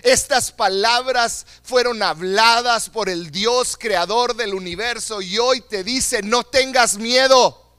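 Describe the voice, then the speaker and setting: Bright-voiced pastor preaching slowly. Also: male voice, high voice, no echo, clean studio sound. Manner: earnest, emphatic, repeats phrases for stress. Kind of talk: sermon.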